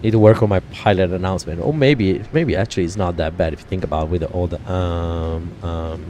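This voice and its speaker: A man's voice: sits low, fairly quick, warm tone, slight background noise. A man from Italy, chatting casually on a flight sim stream, rambling and correcting himself often. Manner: rambling, many fillers and self-corrections. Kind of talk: casual live-stream chat.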